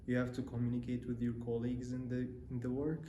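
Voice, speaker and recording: A young man from Syria, a student, answering interview questions in a relaxed, hesitant way with many pauses and fillers. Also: mid-range voice, slight background noise. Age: young adult. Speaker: interview guest, university student. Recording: roomy echo, faint ambience.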